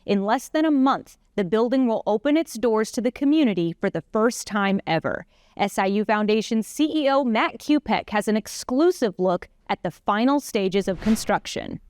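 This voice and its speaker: Upbeat female news anchor, lively intonation, close dry mic. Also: fairly high pitch, normal speed, clear, resonant tone, no echo. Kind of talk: scripted news presenting.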